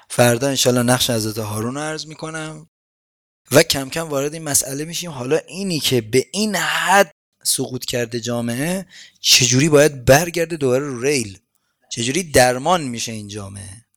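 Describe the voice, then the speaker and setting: A man's voice: mid-range voice, fairly bright tone, dry recording, studio quality. A man preaching a sermon in a conversational, ironic way, full of rhetorical questions.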